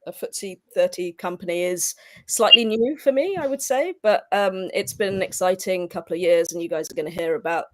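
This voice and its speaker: Brief: woman panelist, lowish voice, easygoing. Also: a little fast, very noisy. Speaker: head of global mobility, guest. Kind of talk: panel introduction.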